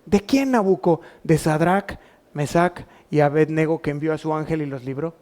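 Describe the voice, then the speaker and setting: A man's voice: on the high side, moderate pace, a little mellow. A man with a Mexican Spanish accent preaching a sermon as pastor, asking the congregation rhetorical questions. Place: church.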